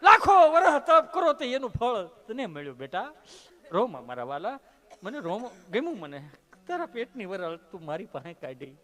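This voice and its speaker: A man voicing a soft-hearted male doctor who coaxes and comforts a patient. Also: high-pitched, huge pitch swings, moderate pace, heavily acted. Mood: consoling. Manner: tender, coaxing, pleading.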